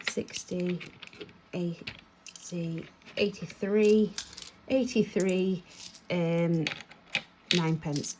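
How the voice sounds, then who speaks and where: A woman's voice: lowish voice, background noise. A young British woman chatting casually and rambling as she counts and sorts her cash. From United Kingdom. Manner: chatty, rambling, self-laughing. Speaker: vlogger.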